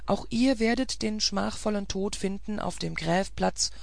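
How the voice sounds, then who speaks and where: A woman's voice: medium pitch, measured pace, creaky, no room sound. A woman voicing a brave, steadfast old housekeeper who speaks firmly and resolutely in a storybook reading. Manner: firm and resolute.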